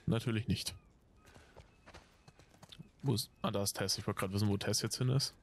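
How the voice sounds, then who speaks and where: A man's voice: on the low side, normal speed. A man giving casual, chatty, musing Let's Play commentary as he plays. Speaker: gamer.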